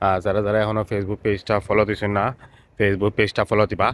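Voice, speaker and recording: A man's voice: on the low side, monotone, a little fast. Sylheti-accented man vlogging outdoors. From Sylhet, Bangladesh. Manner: chatty, repetitive, with many filler sounds. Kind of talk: casual vlog narration. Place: outdoors by a lake.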